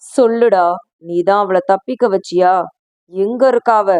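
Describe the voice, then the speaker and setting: Loud bossy big brother yelling, a lady reader putting him on, dry close sound. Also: lowish voice, animated, moderate pace, no echo, voice pushed down, close to an everyday voice. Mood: furious. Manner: shouting, roaring threats. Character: angry domineering eldest brother, man.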